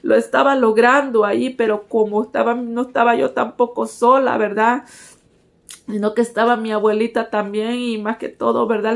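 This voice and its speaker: Woman telling her faith testimony, kinda high voice, raspy fry all through, earnest. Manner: earnest, constantly addresses listeners as brothers. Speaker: testimony speaker. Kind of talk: personal religious testimony.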